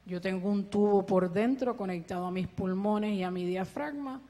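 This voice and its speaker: A woman's voice: mid-range voice, moderate pace, dark tone. A woman with a Puerto Rican Spanish accent gives an earnest church testimony and speaks with the help of a ventilator, acting out the dialogue as she tells her story. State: breathing with a ventilator. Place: church hall. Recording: long echo of a church hall.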